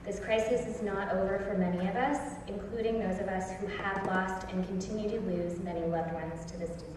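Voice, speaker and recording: A woman's voice: medium pitch, fairly even intonation, fairly quick, background noise. A woman hosting a festival opening, giving a prepared, earnest and impassioned speech from a theatre stage. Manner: earnest and impassioned, with stresses on key words. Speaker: festival host. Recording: echoey hall recorded from far off.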